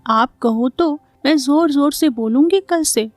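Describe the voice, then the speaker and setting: A woman voicing an eager, dreamy young daughter-in-law who speaks with excitement. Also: high-pitched, unhurried, no echo.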